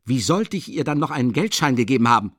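Brief: a male reader playing a pompous, blustering middle-aged gent, lively voice, dry close sound. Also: mid-range voice, quick pace, dry recording, pitched above the performer's own voice. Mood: defensive. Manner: defensive, stammering, blustering. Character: pompous middle-aged man, flustered and defensive.

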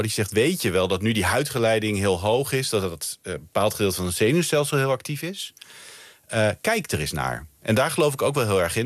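On a night radio interview, a Dutch-accented researcher with a lowish voice explains things thoughtfully, using many fillers and restarts. He's recorded on a studio mic with no room sound.

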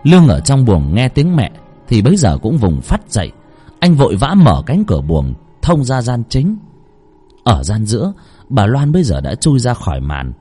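Brief: husky male narrator, dramatic storytelling, faint music behind. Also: mid-range voice, huge pitch swings, normal speed, warm tone.

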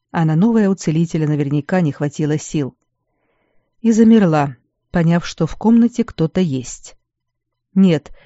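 A woman narrating an audiobook in a calm, measured storytelling manner. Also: on the low side, no echo. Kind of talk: scripted narration. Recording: dull lo-fi recording, dry.

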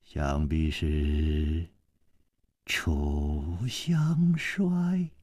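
A storyteller voicing an elderly swordsman who speaks slowly and with measured weight. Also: a little high, lively intonation, a little mellow, smooth, no room sound, studio quality. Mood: shrewd, knowing. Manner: slow, measured, drawn-out speech. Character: shrewd old swordsman, elderly man. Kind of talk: traditional storytelling.

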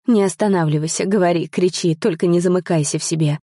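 A woman reading the lines of a young man, a tender, guilt-ridden lover, in a soft, pleading, earnest way. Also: on the low side, fast talker, dry recording, clean studio sound, close to an everyday voice.

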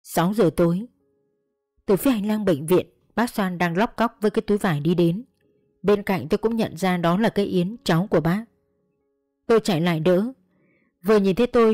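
A woman's voice: medium pitch, warm tone, no echo, studio quality. Woman narrating a first-person story.

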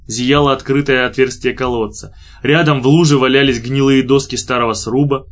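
Guy reading a novel aloud, medium pitch, steady calm delivery. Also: normal speed. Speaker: audiobook narrator. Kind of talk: scripted narration.

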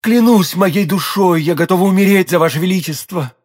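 A man's voice: sits high, brisk, pitched above the performer's own voice. A man voicing a fervent devoted young maid. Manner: earnest, fervent. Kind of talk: audiobook character reading.

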